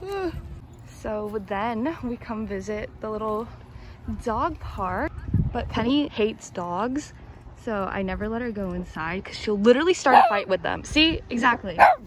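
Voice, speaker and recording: A woman's voice: fairly high pitch, very animated, measured pace, noisy background. A young adult woman chatting casually and playfully for a vlog, with giggly asides and exclamations. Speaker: vlogger. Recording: music behind the voice. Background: music.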